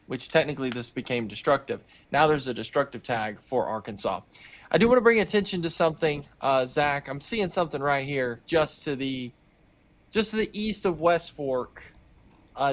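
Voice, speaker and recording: A man co-hosts live storm coverage at an ordinary male pitch. He thinks aloud, hedges his calls and weighs each warning with care. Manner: cautious, hedging, thinks aloud. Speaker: co-host storm tracker. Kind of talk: live weather commentary.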